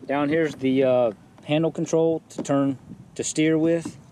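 A man with a fairly high-pitched voice talks a little slowly as he walks through his fishing kayak setup in a yard, background noise behind him. He keeps it relaxed and plain-spoken with many fillers, filmed on an action camera.

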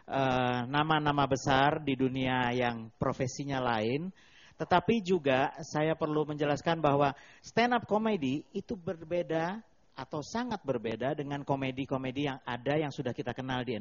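A man's voice: a little high, normal speed, a little hiss or hum. A man hosting a TV comedy show, explaining patiently in a casual way and mixing in English phrases, speaking into a handheld mic. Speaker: host and comedy mentor. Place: TV studio with live audience. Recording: dull lo-fi TV broadcast.

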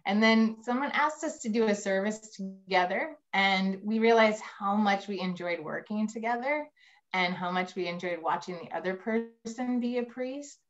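A woman's voice: mid-range voice, normal speed. A middle-aged woman priest casually explaining things for children on a video call. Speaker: priest, interview guest. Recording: slightly dull video-call audio.

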